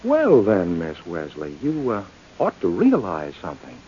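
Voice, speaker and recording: An actor playing a coolly polite, menacing doctor who is a murderer, in old-time radio crime drama style, probing with insinuating hesitations. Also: male voice, low voice, wildly swooping pitch, measured pace, mellow, a little hiss or hum, heavily acted. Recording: dull, lo-fi old radio recording.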